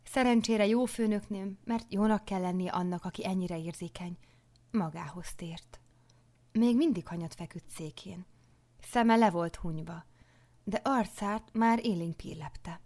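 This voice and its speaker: A woman narrating a novel in the first person for an audiobook, hushed and often dropping into a whisper. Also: medium pitch.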